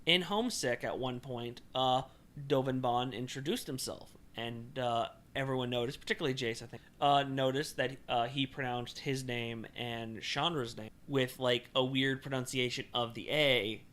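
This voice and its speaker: A man's voice: medium pitch, fairly even intonation, moderate pace, a bit bright. A man co-hosting a casual podcast, rambling with many fillers and restarts. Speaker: podcast co-host. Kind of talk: casual chat about card games.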